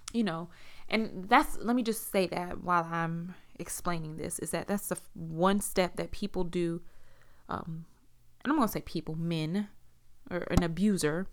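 A woman telling a personal story in a casual, blunt way, swearing heavily and acting out what people said. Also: fairly low pitch. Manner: blunt, heavy swearing, frequent fillers; acts out dialogue in raised voices. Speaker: storyteller sharing a personal experience.

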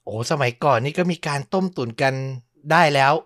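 A man's voice: fairly high pitch, a little fast, fairly bright tone, dry recording, studio quality. A man hosting a podcast, chatting casually in a playful, teasing way. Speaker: podcast host.

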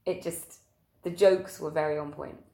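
A woman's voice: low voice, steady tone, normal speed, creaky, dark tone. A woman co-hosting a podcast in casual, informal chat, loosely phrased. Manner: informal, hedging with "like" and "kind of". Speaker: podcast co-host. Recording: roomy echo.

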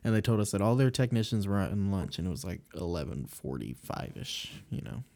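Low, mellow sounding man chatting. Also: big pitch swings, a little fast. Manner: rambling, storytelling with fillers and laughs. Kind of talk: casual chat.

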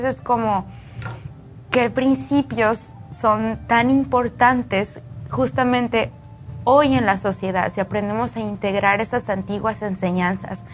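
A woman talking on a radio health program, telling stories in an animated way. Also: mid-range voice, a little hiss or hum. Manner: animated storyteller.

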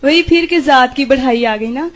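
High-voiced chatty woman student. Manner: chatty, tag-filled storytelling. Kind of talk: personal sharing in class.

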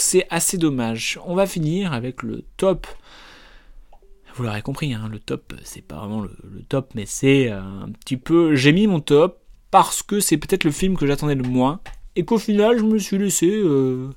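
A man's voice: a little high, a little mellow. A man, reviewing films in a casual, rambling way with many fillers and restarts. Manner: rambling, hesitant, with many fillers and self-corrections. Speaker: film reviewer.

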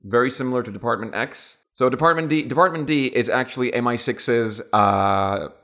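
A man's voice: medium pitch, normal speed, a bit bright. A man narrating as game master in a tabletop game, rambling with frequent fillers and restarts.

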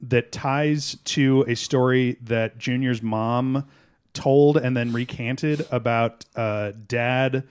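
A man's voice: mid-range voice, steady tone, slow pace, clear, resonant tone. A man with a mid-range voice co-hosts a podcast in loose, casual chat. He swears freely and tells long, rambling stories. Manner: profane, rambling storyteller. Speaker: podcast co-host.

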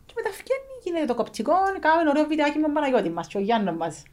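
A woman's voice: high-pitched, sing-song, darkish tone. A woman with a Cypriot Greek accent talking casually as an interview guest, emphatic and repeating phrases for stress. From Cyprus. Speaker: interview guest, clothing factory owner.

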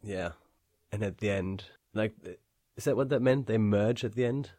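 A man's voice: on the low side, normal speed, mellow, dry recording. A man co-hosting a podcast, chatting casually about a story with lots of filler words. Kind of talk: casual chat.

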